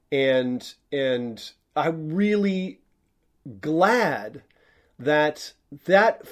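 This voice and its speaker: A man hosting his own podcast, talking alone in a rambling, candid way, with many restarts and fillers. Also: fairly high pitch. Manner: candid and self-reflective, sometimes swearing. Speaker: podcast host and filmmaker. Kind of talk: rambling solo podcast monologue.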